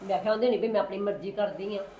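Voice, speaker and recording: A woman with a Punjabi accent playing a sly neighbour in a short film, talking quickly and repeating her denials. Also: medium pitch, steady tone, warm tone, a little hiss or hum, lightly acted. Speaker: neighbour Sukhwinder.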